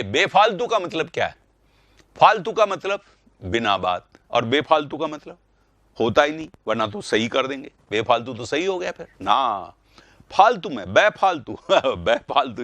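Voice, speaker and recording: A man teaching Hindi grammar in a live online class, calling students by name, repeating words and getting loud when he corrects them. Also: on the high side, no echo. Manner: animated, rising sharply when correcting.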